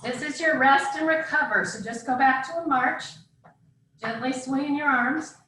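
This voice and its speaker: A woman's voice: high-pitched, moderate pace, pushed and bright. A woman fitness instructor leading a live group workout class, giving short, encouraging cues and countdowns. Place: indoors, live video call class. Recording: echoey room, far from mic, faint noise.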